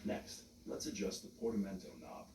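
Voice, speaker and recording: A man giving scripted, step-by-step instruction in a measured, explanatory manner. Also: sits low, level tone, noisy background. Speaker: instructor, tutorial narrator. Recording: roomy, distant mic, music behind.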